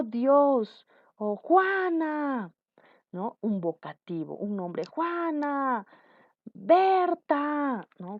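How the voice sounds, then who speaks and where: A woman's voice: mid-range voice, no room sound. A woman teacher giving a class and explaining patiently, often checking with the listener that they follow. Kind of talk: online class lesson. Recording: dull lo-fi dry sound.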